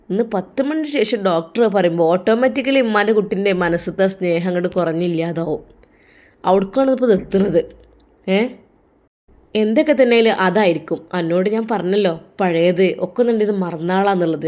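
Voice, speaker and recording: A woman's voice: medium pitch, darkish tone, natural voice. A woman voicing a stern, protective middle-aged mother who scolds her daughter insistently, with a Malappuram Malayalam accent, in an audio drama. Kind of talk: audio drama role-play.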